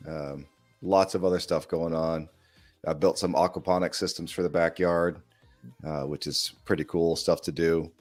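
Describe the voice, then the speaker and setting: A man co-hosting a podcast in casual chat, measured, with dry humor. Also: sits low, fairly even intonation, a little mellow, faint music behind. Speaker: podcast co-host.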